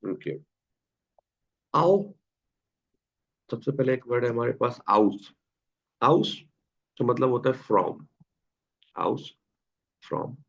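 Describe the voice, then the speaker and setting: Male teacher, slow gravelly delivery, patient drills, dull lo-fi call audio. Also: mid-range voice, animated. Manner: patient, quizzes students and repeats words slowly. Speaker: German teacher. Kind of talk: online language class. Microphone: video call. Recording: dull lo-fi online class audio.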